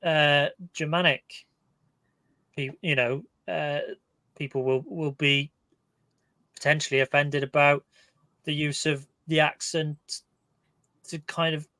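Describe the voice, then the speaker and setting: A man co-hosting a review podcast, talking in a halting way with many restarts. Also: a little high, fairly even intonation, sharp tone, dry recording. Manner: hesitant, restarts words, halting. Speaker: podcast co-host. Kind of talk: casual review discussion.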